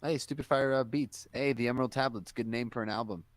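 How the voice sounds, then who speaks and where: A man co-hosting a casual podcast, earnest and preachy, sometimes rattling off words fast. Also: mid-range voice, fairly even intonation, dry recording. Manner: earnest, preachy, talks about hidden truths, sometimes fast. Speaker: podcast co-host. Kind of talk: casual chat.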